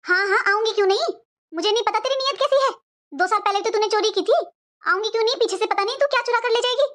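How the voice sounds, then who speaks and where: Woman playing a bossy, taunting sister-in-law, shrill and very high voice. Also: quick pace, a bit bright. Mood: suspicious. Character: sharp-tongued scheming sister-in-law. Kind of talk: family drama acting.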